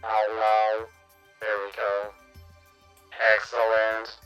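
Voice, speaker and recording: A game player testing a robot voice changer, saying slow, drawn-out test phrases. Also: mid-range voice, monotone, smooth, no echo, highs cut off, faint music behind, pitched below the performer's own voice. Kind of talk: casual game commentary.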